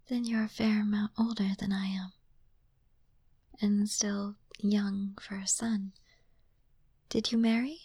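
A woman voicing a gentle, caring young princess and future queen, speaking in a slow, soothing whisper close to the microphone. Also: medium pitch, flat delivery, breathy edge, dry recording. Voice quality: soft unvoiced whisper. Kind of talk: whispered ASMR roleplay.

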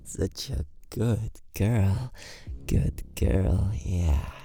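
A man in an ASMR boyfriend roleplay, talking close to the mic with soft, doting, repetitive praise that often drops to a whisper. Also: low-pitched, expressive, very slow, vocal fry, a little hiss or hum.

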